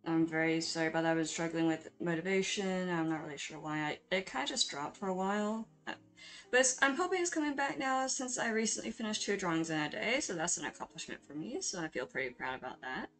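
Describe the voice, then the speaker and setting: A woman with a slightly low voice narrates her video in an informal, chatty style. She is hesitant and self-deprecating, often apologetic in the way she talks. Music plays behind her voice. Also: lively intonation, fast talker, a bit bright. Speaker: video creator hosting a drawing speedpaint. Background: background music.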